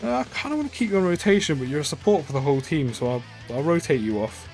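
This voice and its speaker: A man's voice: a little high, lively intonation, quick pace, darkish tone, soft background music. A man giving casual, rambling commentary while playing a mobile game, full of fillers and restarts. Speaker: gaming YouTuber.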